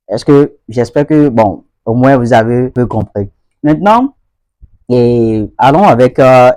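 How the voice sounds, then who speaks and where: A man's voice: medium pitch, dark tone, dry recording. Man, casual lesson host, repeats himself, checks viewers understand, dry close sound. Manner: repetitive, addresses viewers directly with frequent checks for understanding. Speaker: host of an English-learning channel. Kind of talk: casual explanatory video lesson.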